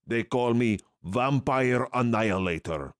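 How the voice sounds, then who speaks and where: A woman's voice: very deep voice, animated, measured pace, voice pushed down. A woman voicing a blunt male vampire slayer with a put-on Russian accent and broken English. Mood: menacing blunt.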